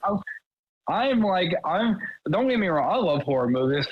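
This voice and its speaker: A man co-hosting a gaming podcast, excitable and swearing, calling everyone bro. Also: high voice, moderate pace, no room sound, dull audio. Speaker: podcast co-host. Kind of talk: casual gaming podcast chat.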